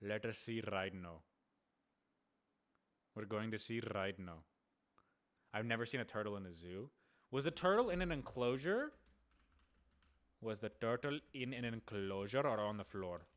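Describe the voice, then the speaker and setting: Excitable young male streamer. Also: on the low side. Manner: excitable, rapid shout-outs, repeats himself. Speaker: livestreamer doing prank calls. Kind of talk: casual live-stream chat with viewers.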